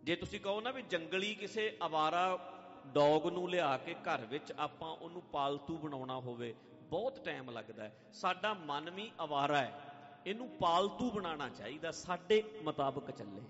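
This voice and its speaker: A man preaching a sermon, emphatic and repetitive, his voice swinging between loud declarations and hushed asides. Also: a little high, expressive, normal speed, big-room sound, dull audio, soft background music. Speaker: Sikh preacher.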